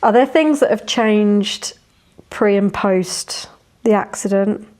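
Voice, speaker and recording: A woman's voice: mid-range voice, slow pace, a little mellow. A woman hosting a casual interview, chatty and rambling, letting sentences trail off. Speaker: podcast host.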